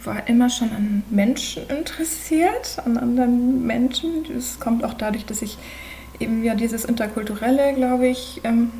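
A woman in her forties from Germany, a podcast guest, talking thoughtfully with many pauses and fillers. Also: fairly high pitch, dark tone, slight background noise. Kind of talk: conversational podcast interview.

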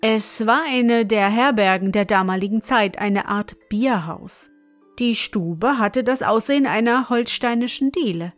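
A woman narrating an audiobook story in a measured storytelling manner. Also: fairly high pitch. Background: faint music.

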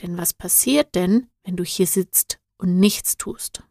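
A woman doing a gentle, whispering wise guide. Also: fairly low pitch, slow, creaky, no echo, studio quality, heavily acted. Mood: gentle, soothing. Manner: calm, soothing, at times whispered. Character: gentle wise male guide, patient teacher.

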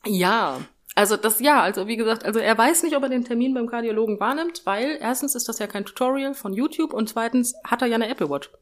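A woman chatting casually, spinning a story with plenty of laughter. She slips into voices to act out what the other person said, and her retelling is quick and colloquial. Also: a little high. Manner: laughs often, acts out the other person's replies. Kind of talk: casual chat, telling an anecdote.

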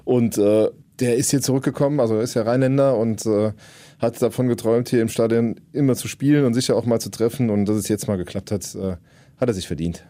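A man gives casual football analysis as a podcast co-host. His voice is mellow and dark, and he feels his way haltingly through sentences. The sound is very dry. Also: medium pitch, steady tone, no echo.

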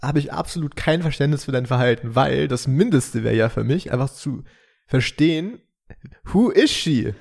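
A man's voice: medium pitch, moderate pace, gravelly, a little mellow. A man chatting casually as a podcast co-host, making dry, wry remarks. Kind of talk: casual chat.

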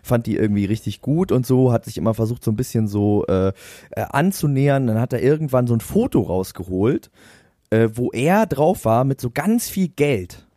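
A man co-hosting a podcast, telling a long anecdote in a rambling, animated way and laughing at his own story. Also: medium pitch, normal speed, no echo, studio quality. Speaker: podcast co-host.

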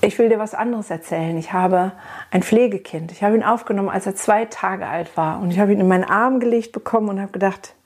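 A woman with a slightly husky, breathy voice talks through her experiences as a child therapist. Her pitch sits in a middle range. She speaks in an earnest, reflective and frank way and talks straight to the listener as if across a table. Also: brisk, a little mellow. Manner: conversational, addresses listener directly. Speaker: child and adolescent psychotherapist. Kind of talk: personal storytelling talk.

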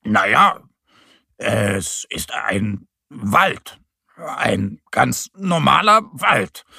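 A man voicing a kind little bear cub in a children's audio story, slow and hesitant. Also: mid-range voice, very animated, vocal fry, fairly bright tone, husky, no echo, studio quality, heavily acted.

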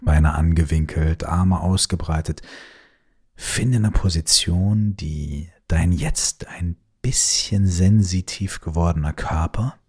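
A man guides a listener toward sleep in a very slow, soothing voice. His tone is deep and a little husky, and he often drops to a soft whisper. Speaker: meditation guide.

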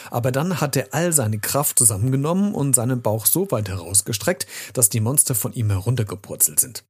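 A man voicing a kindly, crafty professor in a storybook reading, telling tales in a gentle, playful way with a husky voice. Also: medium pitch, lively intonation, brisk.

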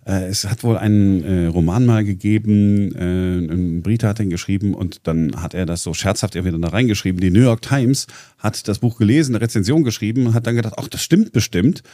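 A man's voice: lowish voice, brisk, hardly any pauses, mellow, no room sound, clean studio sound. A man presenting on a talk show in casual chat, explaining at length with many hesitations and restarts. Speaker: radio presenter.

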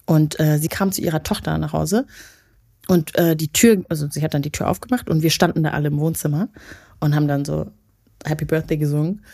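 A young woman co-hosting a relaxed bedtime chat, her voice lowish and mellow. She talks in a chatty, easygoing way and laughs at her own jokes. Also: brisk, gravelly. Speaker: podcast co-host.

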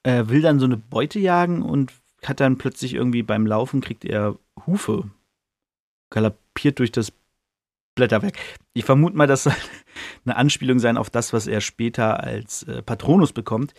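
A man's voice: mid-range voice, normal speed, vocal fry, darkish tone, dry recording, clean studio sound. A man hosting a podcast who casually retells a book chapter in a chatty way, with many fillers and restarts. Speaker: podcast host.

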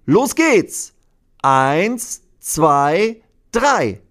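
A man voicing a bold, cheerful young girl who leads chants, shrill and shouting like a cheerleader. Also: very animated, normal speed. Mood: eager.

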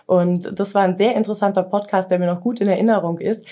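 A woman's voice: mid-range voice, fairly even intonation, quick pace, mellow. A woman in her thirties, a mayoral candidate, answering an interviewer's questions with many fillers and restarts.

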